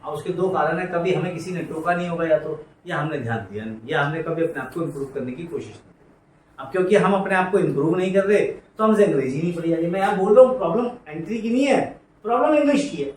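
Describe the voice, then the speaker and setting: A man's voice: on the high side, quick pace. A man teaching accounting to a class, drilling students to repeat entries and scolding them in a familiar, coaxing way. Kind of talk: classroom lecture. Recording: echoey room, distant mic, faint noise.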